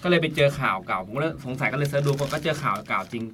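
A man's voice: mid-range voice, animated, racing, fairly bright tone, a little hiss or hum. A man hosting a casual podcast, telling a story in a chatty way and repeating words as he thinks. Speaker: podcast host.

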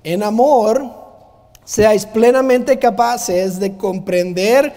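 A man's voice: high voice, slow pace, dark tone. A male pastor preaching a sermon, emphatic and full of rhetorical questions. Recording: long hall reverb.

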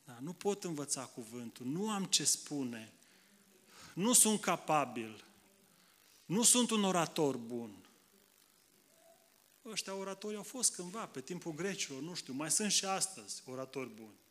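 A man preaching a sermon, from Moldova, talking conversationally and often checking in with the congregation, alternating loud emphatic bursts with quiet asides. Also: fairly high pitch, sing-song. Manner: conversational preaching, frequent tag questions to the congregation.

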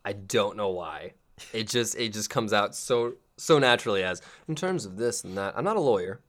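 A man hosting a casual comedy podcast, playful and quick to laugh. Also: fairly low pitch, animated, a bit bright. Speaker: podcast host.

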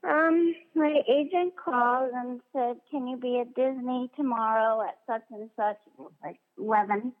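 A woman voice actress being interviewed, telling stories in a chatty, animated way and acting out the dialogue she quotes. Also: on the high side, normal speed. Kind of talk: casual interview anecdotes. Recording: tinny phone-line sound in a long reverb.

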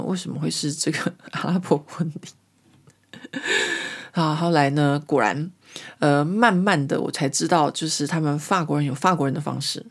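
A woman's voice: low voice, vocal fry. A woman, hosting a podcast and telling a rambling, chatty story full of fillers. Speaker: podcast host. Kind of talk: casual chat monologue.

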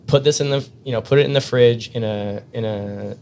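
A man's voice: mid-range voice, a little fast, vocal fry, darkish tone, slight background noise. A man telling long, rambling stories in a casual podcast chat, full of fillers and restarts.

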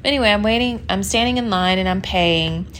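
A woman's voice: medium pitch, brisk, fairly bright tone, slight background noise. A woman hosting a podcast, talking casually in a rambling, chatty way with lots of fillers, feeling sleepy. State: sleepy, yawning. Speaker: podcast host. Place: New York.

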